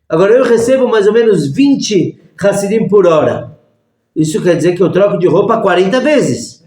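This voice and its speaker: A man, a rabbi teaching a lesson through lively stories and acted-out voices. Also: high-pitched, moderate pace. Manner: animated storyteller acting out voices. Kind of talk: storytelling lesson. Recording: echoey room.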